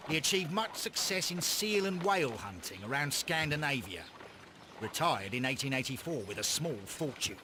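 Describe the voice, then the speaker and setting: A man's voice: fairly high pitch, background noise, lightly acted. A man playing an eager, deferential Victorian police inspector in a video game, briefing expressively in a British accent.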